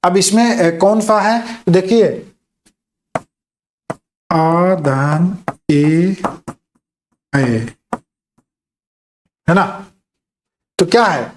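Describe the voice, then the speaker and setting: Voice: medium pitch, darkish tone. A teacher giving an exam-prep grammar lecture, explaining step by step and often checking in with listeners. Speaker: Hindi teacher.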